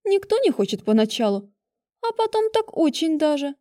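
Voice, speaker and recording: A woman's voice: sits high, big pitch swings, normal speed, warm tone, voice pushed up. A woman voicing a stern, bossy female witch who grumbles and gives strict orders in an audiobook. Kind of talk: audiobook character voice.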